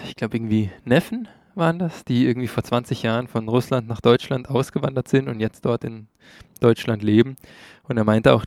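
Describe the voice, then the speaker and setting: A man's voice: medium pitch, darkish tone, dry recording, studio quality. A man narrating a travel story as a vlogger, chatty and wry.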